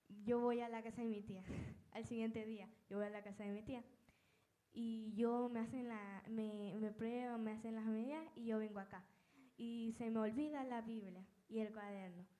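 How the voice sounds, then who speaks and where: A woman gives a testimony sermon, stumbling and restarting as she tells her story. Her voice sits a little high yet sounds mellow and soft. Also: rough recording. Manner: halting, many restarts and repeated words. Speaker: lay preacher.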